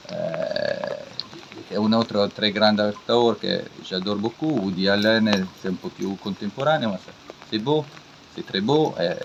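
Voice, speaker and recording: A man with an Italian accent, a native Italian speaker giving an interview in halting, foreign-accented French, searching for words. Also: on the low side. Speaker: interviewed artist. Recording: dull lo-fi with faint background noise.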